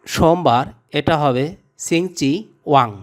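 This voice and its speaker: A man with a fairly high voice runs a vocabulary lesson. He goes very slowly, naming each word and then repeating it with measured patience. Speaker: language teacher.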